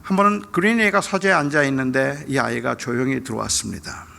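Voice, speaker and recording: A middle-aged male pastor preaching at a dawn church service, telling a personal story. He swings from loud outbursts to hushed whispers. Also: mid-range voice, a little fast, gravelly. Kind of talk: sermon.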